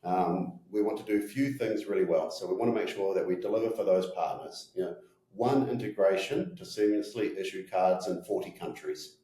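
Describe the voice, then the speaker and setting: A man in his forties speaks with a broad New Zealand accent in a casual interview. His voice sits fairly low and has a soft, mellow tone. He talks informally, like an executive explaining his business, in an echoey room. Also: brisk. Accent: broad New Zealand (Kiwi). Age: 40s. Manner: informal, peppers talk with "you know" and "right?". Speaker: company executive being interviewed.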